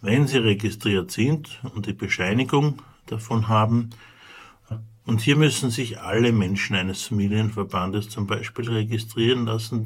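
Low-voiced Austrian man explaining calmly. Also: slightly rough. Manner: measured, explanatory, hesitant fillers. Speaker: charity official interviewed. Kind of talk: radio interview answers.

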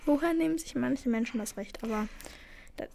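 A teenage girl from Afghanistan chatting casually, telling stories about school in an animated, indignant way. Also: high-pitched, fairly quick, creaky, over a noisy crowd. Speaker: student talking about school. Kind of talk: casual chat.

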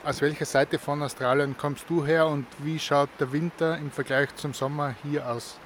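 A male reporter asking brisk questions in a street interview by a river. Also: a little high, steady tone, a bit bright, a little hiss or hum. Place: outdoors on a riverside promenade.

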